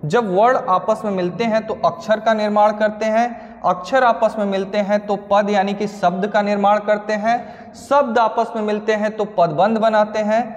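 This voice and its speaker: A man teaches an exam-prep grammar lesson in a high voice. He explains step by step, speaking to his viewers as friends and working through examples. The room gives his voice a long reverb. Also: steady tone, moderate pace, muffled recording.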